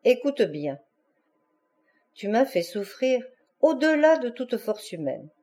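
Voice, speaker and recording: A woman reading an audiobook, voicing a jilted man who speaks in a slow, controlled way. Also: on the high side, big pitch swings, warm tone, exaggerated voice. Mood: cold. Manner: slow and measured.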